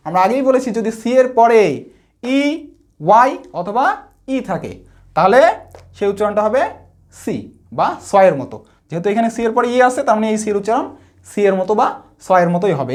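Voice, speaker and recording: A woman teacher walks young pupils through a phonics lesson at an even, middle pitch. She spells out letters one by one and keeps asking her class questions, repeating every answer patiently.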